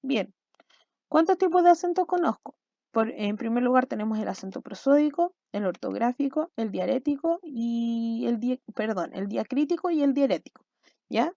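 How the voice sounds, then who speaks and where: A woman teacher talks through a recorded lesson, pausing often to check her students follow along. Her voice sits fairly high but has a mellow, warm tone. The recording is dry and slightly dull, lo-fi. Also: expressive, creaky, no echo. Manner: explanatory, checks in with "¿ya?" and "¿cierto?". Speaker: school language teacher.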